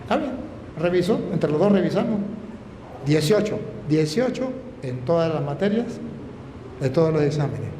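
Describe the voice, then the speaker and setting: A middle-aged man, a priest telling a story in an animated, emphatic sermon. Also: fairly high pitch, normal speed, pauses often. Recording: echoey hall, faint noise.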